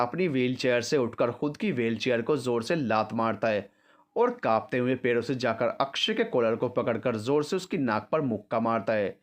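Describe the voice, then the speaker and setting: Man narrating a dramatic story. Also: mid-range voice.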